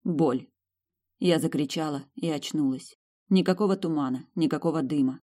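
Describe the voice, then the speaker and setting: Woman, audiobook narration, first person, low voice, mellow, emotional and intimate. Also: moderate pace.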